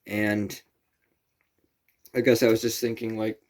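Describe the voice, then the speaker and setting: A man's voice: fairly low pitch, level tone, slow pace. A man vlogging casually outdoors at night near a camper, rambling and correcting himself as he goes.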